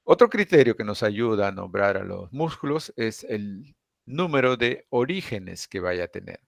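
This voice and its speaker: Male lecturer, low gravelly voice, patient explainer, dry close sound. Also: expressive, moderate pace, dry recording. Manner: explanatory, with frequent tag questions. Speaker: anatomy teacher.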